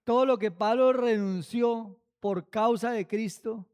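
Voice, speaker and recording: A man preaching at a Bible study. He speaks slowly and with emphasis, asking many rhetorical questions. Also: sits high, darkish tone, clean tone.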